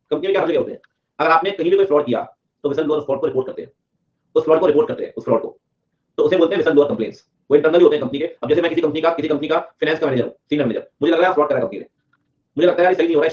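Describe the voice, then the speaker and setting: A man's voice: a little high, racing, dull audio. Man teaching a live lecture, repetitive. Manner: repetitive, drills points, reads student comments aloud.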